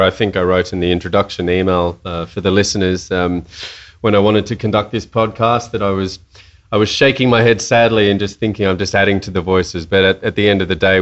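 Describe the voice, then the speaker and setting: Man, podcast host, very deep voice, affable, muffled lo-fi sound. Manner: affable, appreciative. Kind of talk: interview wrap-up chat. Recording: dull lo-fi recording.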